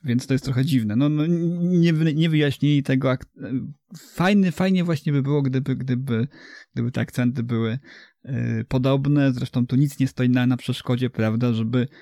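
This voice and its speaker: Creaky, mellow-voiced man in film discussion. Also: medium pitch, normal speed, no echo, studio quality. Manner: hesitant, wordy, often tags phrases with 'prawda'. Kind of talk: casual analytical discussion.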